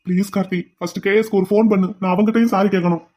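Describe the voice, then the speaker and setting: Fast-talking desperate cartoon brother, voiced by a performer. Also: mid-range voice, fairly even intonation, natural voice. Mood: pleading. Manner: shouting in anger, then pleading tearfully. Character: hot-tempered man, desperate brother turned penitent. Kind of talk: cartoon voice acting.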